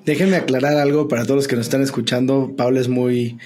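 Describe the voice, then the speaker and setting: A man's voice: mid-range voice, steady tone, fast, darkish tone. A man hosting a podcast, explaining background for the listeners in a casual conversational way. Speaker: podcast host.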